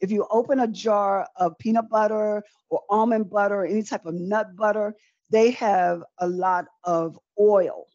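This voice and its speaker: In a dull, lo-fi video call, a middle-aged woman demonstrates cooking at a demo table in an indoor room with a folding screen. Her medium-pitched, darkish voice holds a steady tone at normal speed in a dry recording. She teaches in a chatty, conversational way, repeating phrases for emphasis.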